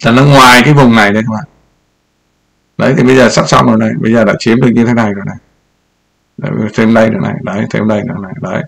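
A man's voice: fairly low pitch, steady tone, racing, creaky, pauses often, a bit bright. An older man giving casual political commentary over a map, rambling and repeating words as he points things out.

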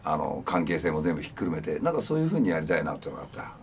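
A man's voice: very deep voice, big pitch swings, racing, a little hiss or hum. A man in his fifties, a punk band singer, talking casually and reflectively in an interview with many fillers. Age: 50s.

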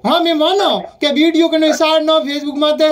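On a phone call, someone with a Rajasthani accent argues heatedly and insistently, repeating points often. The voice sits high with little pitch movement, at a normal speed.

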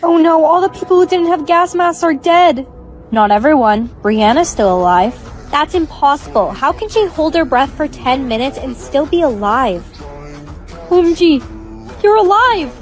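A woman telling an animated storytime and voicing characters with dramatic exclamations. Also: high-pitched, normal speed, faint music behind.

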